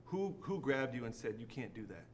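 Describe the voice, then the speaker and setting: A man's voice: medium pitch, sing-song, a little fast. A man hosting a sit-down interview, asking questions and nodding along with short affirmations. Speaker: interview host.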